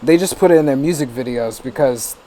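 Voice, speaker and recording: A man's voice: mid-range voice, a little fast, warm tone, a little hiss or hum. A man ranting profanely in casual let's-play commentary as a gaming streamer. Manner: profane, ranting, laughing asides.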